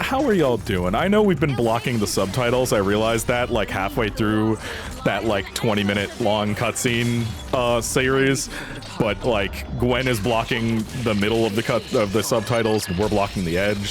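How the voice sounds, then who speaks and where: A male streamer gives casual live commentary in a blunt, informal manner with plenty of swearing. Game music is clearly audible behind his voice. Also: on the low side, moderate pace.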